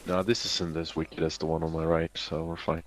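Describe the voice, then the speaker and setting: A man with a very deep, flat voice talks with squad mates mid-game. His humor is dry and blunt, and he swears without hesitation. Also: normal speed, slight background noise. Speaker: gamer who trains recruits. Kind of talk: casual chat during online game.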